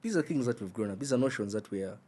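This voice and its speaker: A man's voice: lowish voice, animated, racing, darkish tone, breathy edge. A man co-hosting a podcast in casual chat, explaining points earnestly and teasing his co-host.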